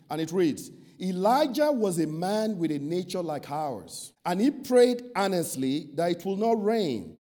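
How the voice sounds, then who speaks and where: Male preacher, high voice with a warm dark tone, emphatic sermon delivery. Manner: emphatic preaching with rhetorical questions and lists.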